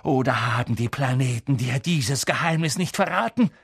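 A man voicing a noble young male centaur who speaks in a measured, grave and earnest way in an audiobook. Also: mid-range voice, expressive, husky, dry recording, clean studio sound, heavily acted. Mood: urgent. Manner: measured and grave, slow emphatic words. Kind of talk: audiobook character voice.

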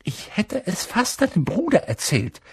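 A man voicing a bossy, indignant know-it-all schoolgirl with a shrill voice in an audiobook reading. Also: huge pitch swings, a little slow, breathy edge, dry recording, clean studio sound, exaggerated voice. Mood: reproachful.

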